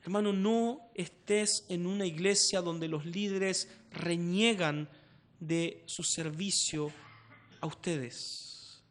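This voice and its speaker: A male pastor with an Argentine Spanish accent, preaching a sermon in a church. He is emphatic and swings between quiet asides and raised exhortation. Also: high voice, takes it slowly.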